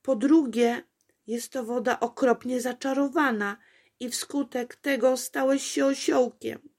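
A woman's voice: high voice, fairly even intonation, measured pace, darkish tone, breathy edge, pitched above the performer's own voice, full character voice. A woman voicing a fussy little princess who frets and exclaims breathlessly. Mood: fretful. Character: fussy little princess girl, easily worried.

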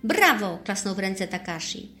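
A woman reading a children's story aloud in a lively, expressive way. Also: mid-range voice, normal speed, reverberant, soft background music.

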